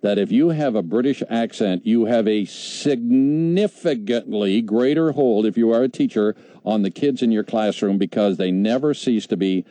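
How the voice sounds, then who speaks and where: A man's voice: on the low side, moderate pace, few pauses, warm tone, no room sound. A man co-hosting a radio talk show, joking and chatting with callers and guests in a folksy way. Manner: jovial, folksy, rambling.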